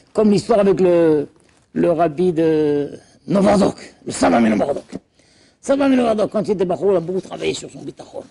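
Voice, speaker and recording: A man teaching a religious lesson, telling the stories in a lively way and acting out the characters. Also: sits high, gravelly, slightly rough. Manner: storytelling, acts out characters. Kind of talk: animated religious lesson with acted-out voices.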